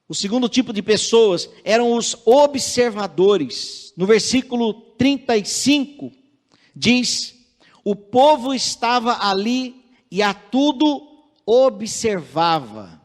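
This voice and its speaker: A man with a Brazilian Portuguese accent preaching a sermon in a measured, earnest way, reading scripture aloud. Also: extremely high pitch, expressive. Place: church sanctuary. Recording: church livestream with long hall reverb.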